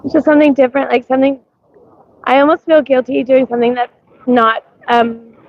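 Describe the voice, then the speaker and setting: A woman with a mixed accent livestreams outdoors at a street parade, her high voice scratchy from coughing and her tone level and brisk. She rambles casually with lots of ums and greets viewers by name, all on lo-fi audio.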